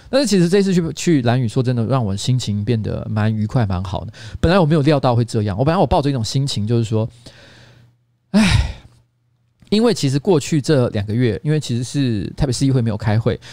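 Taiwanese guy rambling fast on his stream, restarts a lot, super dry close mic. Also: mellow, no room sound. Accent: Taiwanese Mandarin. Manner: rambling, many restarts and repeats, mimics others in higher voice. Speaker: podcast host. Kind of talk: casual livestream chat. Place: office studio.

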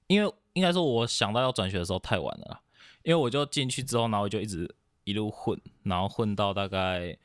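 Low-voiced young man, hesitant chat. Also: clean tone, no echo, studio quality. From Taiwan. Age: young adult. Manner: hesitant, many restarts and fillers, soft laughs. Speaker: podcast guest. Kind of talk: casual chat.

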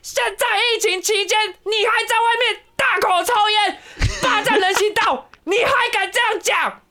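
A man voicing a furious middle-aged woman who scolds a smoker in a shrill, self-righteous shriek. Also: normal speed, bright, forceful tone. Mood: scolding.

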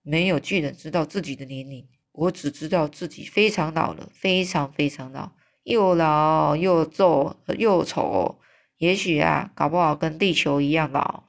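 A woman's voice: low-pitched, unhurried, gravelly, voice pushed down. Woman doing a big, old, kindly giant. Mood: old, weary. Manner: loud, exclaiming, sorrowful grumbling. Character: huge, very old, kindly male giant who mangles words.

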